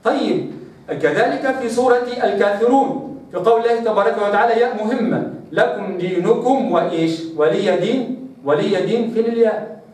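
A man teaching a Quran recitation lesson, explaining quickly and then stretching words out slowly to demonstrate. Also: high voice. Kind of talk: tajweed lesson with slow demonstrations. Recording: loud echo, distant mic.

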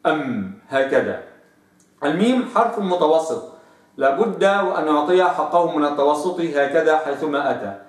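Egyptian guy teaching tajweed, highish voice, a bit far off the mic, stretches out the example sounds. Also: lively intonation. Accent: Egyptian Arabic. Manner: explains, then drawls out sample sounds slowly and lower. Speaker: Quran recitation teacher. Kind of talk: tajweed lesson. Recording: echoey room, voice off-mic.

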